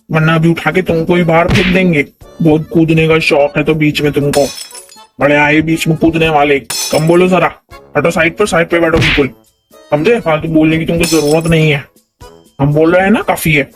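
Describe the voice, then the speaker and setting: A man's voice: fairly high pitch, natural voice. Man doing a taunting quarrelsome cartoon man. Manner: taunting, scolding, keeps asking "samjhe?". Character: quarrelsome bossy man scolding a coworker. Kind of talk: animated comedy dialogue. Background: background music.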